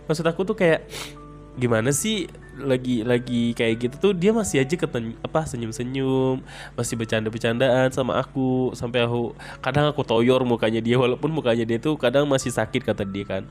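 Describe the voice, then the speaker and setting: A man's voice: mid-range voice, a little fast. Young male storyteller, chatty and rambling, faint music underneath. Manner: chatty, rambling, many fillers. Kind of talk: casual personal storytelling.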